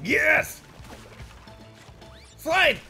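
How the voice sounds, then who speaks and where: A player in casual let's-play banter, jokey and excitable, stammering into restarts and breaking into shouted outbursts. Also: sits high, extremely slow, vocal fry, soft background music. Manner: stammering restarts and trailing fillers. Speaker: co-op game player.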